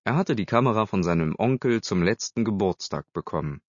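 A low-voiced man narrates a storybook in a steady, measured way. The recording is close, very dry and a little dull in the highs. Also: no echo. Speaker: audiobook narrator. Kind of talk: scripted narration.

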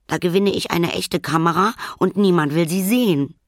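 A man reading a children's story aloud and voicing an eager, excitable little girl in a high, insistent voice. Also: a little fast, no echo, clean studio sound, heavily acted. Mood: grumbling.

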